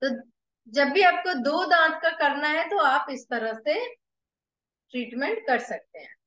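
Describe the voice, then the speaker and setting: A woman with an Indian accent teaches a lesson, her voice set high and her delivery unhurried as she walks through each step. The sound is roomy with a noticeable echo and a somewhat dull, muffled quality. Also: animated, pushed and bright. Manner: explains step by step, mixing Hindi and English, slow and deliberate. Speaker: acupressure teacher. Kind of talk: whiteboard lesson. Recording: echoey room, slightly dull.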